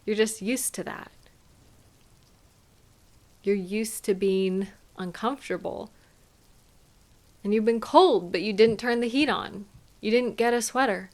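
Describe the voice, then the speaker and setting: For an intimate scripted audio roleplay, a woman voices a caring partner coming home to her sweetheart, speaking straight to the listener. Her mid-pitched voice stays close to everyday speech, slow and tender, soothing and unhurried as she gently chides and asks questions.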